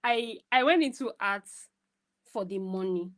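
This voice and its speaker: Her voice sits in the middle range with a fairly bright tone, and she takes her time. Acting as a guest mentor over video call, this woman offers relaxed, chatty advice, stressing her points and frequently adding "right?" to check the listener is following.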